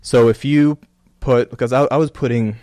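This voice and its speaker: With a mid-range, darkish voice and fairly even intonation, a man who grew up in Kuwait and Canada speaks at a moderate pace. He's a religious content creator guesting on a casual interview, earnest and reflective with frequent "you know"s, captured in a dry, studio-quality recording.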